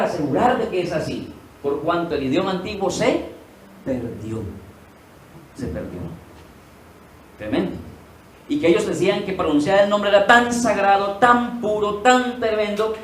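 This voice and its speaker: A man's voice: high-pitched, slight background noise. A male pastor teaching a sermon, asking the congregation questions and answering them himself, repeating key words for emphasis. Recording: echoey room, voice from a distance, faint ambience.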